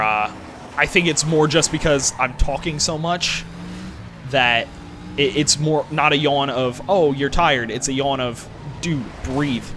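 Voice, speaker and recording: A young man rambling casually as he plays through a racing game, questioning himself and swearing now and then. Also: medium pitch. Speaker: gaming channel host. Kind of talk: rambling let's-play commentary.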